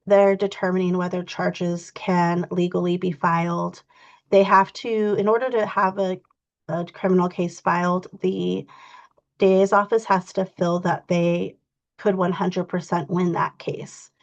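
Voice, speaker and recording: A congested woman with a low, gravelly voice leads an online training session, explaining things in a loose, informal way full of "you know"s. The sound is dull and lo-fi, like video call audio. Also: flat delivery, measured pace. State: stuffy, congested. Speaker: victim advocacy trainer.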